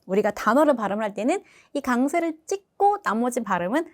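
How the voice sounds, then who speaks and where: A woman with a fairly high, very animated voice gives a language lesson. She explains each rule patiently and says every example word twice, slowly and clearly, so listeners can copy it. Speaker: Russian language teacher.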